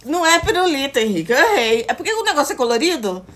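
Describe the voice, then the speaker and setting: A woman's voice: high-pitched, sing-song, quick pace, a bit bright. A middle-aged woman with a Brazilian accent chatting casually with viewers as the host of a livestream. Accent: Brazilian Portuguese. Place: indoor room at home. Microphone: phone at arm's length.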